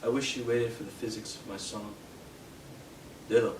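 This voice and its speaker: A young man from Canada giving a live poetry reading in a bookshop, hesitant with fillers between poems and steady in his verse. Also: on the low side, moderate pace. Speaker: poet. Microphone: distant from the mic. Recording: roomy, distant, noisy live room sound.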